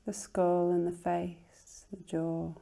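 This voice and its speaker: A female teacher guides a relaxation session, speaking softly and slowly with gentle instructions, her voice growing breathy as each phrase ends. Her pitch sits on the low side and her tone stays level.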